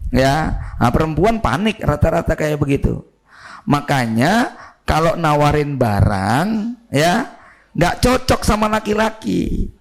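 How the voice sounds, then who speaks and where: A man's voice: a little high, slow, creaky, pauses often. A man giving a conversational religious lecture as a preacher, often turning to the audience with asides. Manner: chatty, animated, often turns to the audience with asides. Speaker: Islamic preacher.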